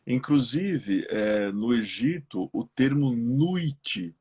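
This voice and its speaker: A man's voice: mid-range voice, slow pace, slightly rough. A man with a Brazilian Portuguese accent, teaching about esoteric lore in a live-stream chat. He tells old myths as stories, often checking in with his listeners. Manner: lively explainer who acts out myths in quoted voices, with frequent tag questions. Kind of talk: storytelling lecture in a live chat.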